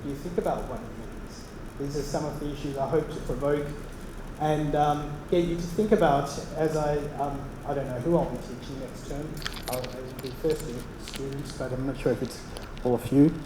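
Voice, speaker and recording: A man's voice: medium pitch, steady tone. Australian professor guy talking to a crowd, lots of ums, super echoey room. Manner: measured, with frequent ums. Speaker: associate professor. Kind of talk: speaking to an open-house audience. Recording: very echoey hall with background noise.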